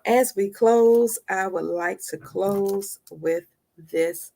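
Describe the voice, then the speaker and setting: A woman hosting a motivational live stream, dropping to soft whispers for emphasis and calling listeners honey. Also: mid-range voice, slow pace, gravelly, a little hiss or hum.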